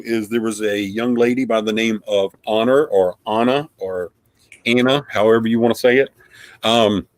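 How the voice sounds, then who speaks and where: A man's voice: medium pitch, no echo. A man hosting a casual live stream recap of a paranormal investigation, rambling with lots of fillers. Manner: rambling, filler-heavy, friendly.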